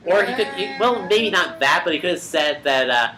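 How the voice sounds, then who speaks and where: A podcast co-host in casual chat, loose and profane, jumping in with quick reactions. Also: mid-range voice, very animated, over music.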